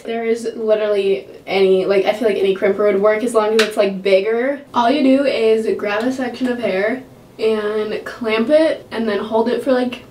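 A young American woman with a slight lisp, chatting casually through a beauty tutorial to a camera indoors. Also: fairly high pitch. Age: young adult. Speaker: beauty vlogger. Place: indoors in bedroom and bathroom. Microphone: camera a short distance away. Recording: echoey room, clear background noise.

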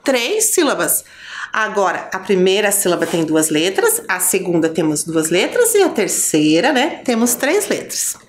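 A woman with a Brazilian accent teaching a children's lesson, counting and spelling out syllables slowly for young pupils. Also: mid-range voice, slight background noise. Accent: Brazilian Portuguese. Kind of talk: children's lesson on a school TV channel.

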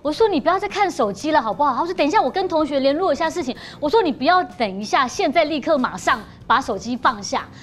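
A woman, a mother on a TV talk show, telling an anecdote in a lively way and acting out what was said. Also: sits high, fast, few pauses. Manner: lively, acts out quotes. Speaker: guest, mother. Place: TV studio.

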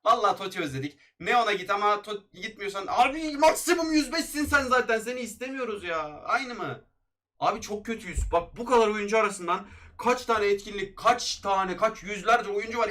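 Young guy yelling through game pack openings, fast and bright, all hype then groans. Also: high-pitched. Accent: Turkish.

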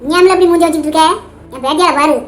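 A woman's voice: very high-pitched, racing. A woman voicing an affectionate, teasing old grandmother in a cartoon, with a Tamil Nadu accent. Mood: playful. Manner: teasing, then tearfully apologetic. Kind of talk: cartoon voice acting.

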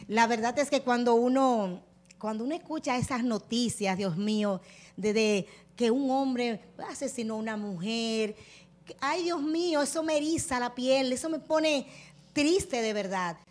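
A woman's voice: fairly high pitch, normal speed, darkish tone. A woman from the Dominican Republic co-hosting a live TV panel, emotional and exclaiming with sorrow. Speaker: TV talk show co-host.

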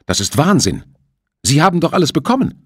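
A man's voice: medium pitch, very animated, brisk, breathy edge, no room sound, clean studio sound, voice pushed up. A man playing a shaken, insistent ship owner. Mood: urgent. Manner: agitated, insistent.

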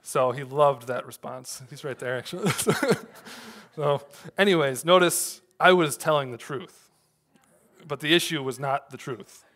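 A man's voice: on the high side, measured pace, a bit bright. A man preaching a sermon in a loose, conversational way, with many fillers and restarts as he tells a personal story. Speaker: pastor.

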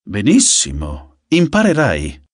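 A man's voice: lowish voice, huge pitch swings, takes it slowly, dry recording, full character voice. Audiobook: sneering young tough, taunting and menacing; voiced by male reader, dry close read. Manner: mocking, taunting. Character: sneering menacing young man, hot-tempered.

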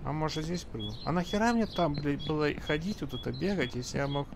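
An irritable male gamer rages and grumbles his way through casual play-by-play, swearing freely. His voice sits a little high for a man and has a clear gravelly creak. Game noise is plainly audible behind him. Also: expressive, fast. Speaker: gamer recording a first-look playthrough. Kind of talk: casual gameplay commentary. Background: video game ambience.

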